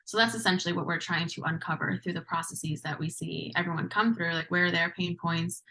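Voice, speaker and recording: A woman's voice: on the low side, brisk, pushed and bright, low-quality recording. A woman guest in casual podcast conversation, chatty with lots of restarts. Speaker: guest, implementation lead.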